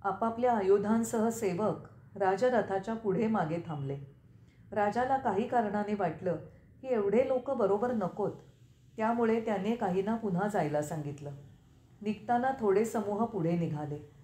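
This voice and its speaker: A woman narrating a scripture story in a steady, measured reading voice. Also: mid-range voice. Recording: echoey room with faint ambience.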